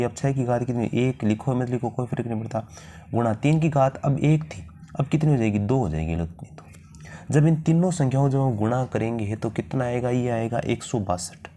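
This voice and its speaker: Male tutor, warm low tone, rhetorical question-and-answer teaching style. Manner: asks questions to the viewer and answers them himself. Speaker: math teacher. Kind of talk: step-by-step math lesson.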